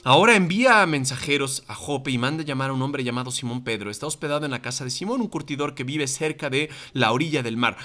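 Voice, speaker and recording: A man's voice: medium pitch, fast, few pauses. A man with a Mexican accent teaching a Bible study class to a congregation in church, speaking into a microphone and acting out quoted voices. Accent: Mexican Spanish. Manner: animated, acts out quoted voices. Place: church meeting room.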